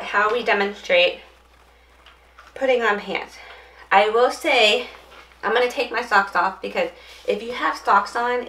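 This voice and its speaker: A woman's voice: medium pitch, bright, forceful tone. A woman giving a casual how-to demonstration of dressing aids, chatting and thinking aloud as she goes. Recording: roomy echo, distant mic, faint noise.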